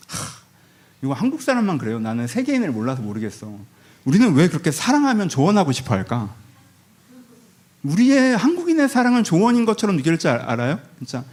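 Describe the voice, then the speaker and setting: Lively-pitched conversational male pastor. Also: fairly quick, pauses often. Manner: conversational, acts out quoted family talk. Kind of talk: sermon. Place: church sanctuary.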